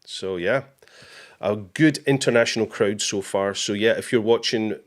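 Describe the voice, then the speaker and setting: A man hosting a live interview show with a very low, deep voice. He talks casually, reading out viewer comments and greeting people, with relaxed "uh"s and "um"s between them. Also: moderate pace. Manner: casual, reads viewer comments aloud with fillers. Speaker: host.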